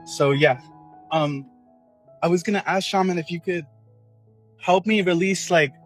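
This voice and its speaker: A man with a fairly high voice speaks as a caller on a live show from aboard a train. His talk is casual and personal, with faint music behind it. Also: measured pace.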